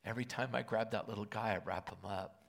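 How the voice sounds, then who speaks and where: An older man as pastor, preaching and praying earnestly, with emotion and often dropping to a hush. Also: fairly low pitch, fairly even intonation, quick pace, vocal fry. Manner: earnest, emotional, drops to hushed whispers. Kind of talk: sermon and prayer. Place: church auditorium.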